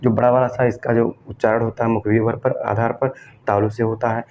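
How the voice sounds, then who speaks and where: A man's voice: medium pitch, level tone, brisk, a little mellow. A man teaching an exam-prep grammar lesson, asking questions and answering them himself and repeating key terms. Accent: Hindi, from northern India. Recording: dull lo-fi recording with faint background noise.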